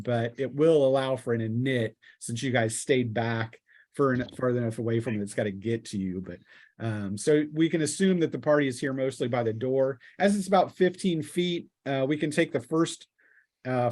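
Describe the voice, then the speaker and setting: A slightly mellow, mid-range male voice improvises narration for a tabletop roleplaying game. Speaking as game master, he's halting and stops partway through sentences.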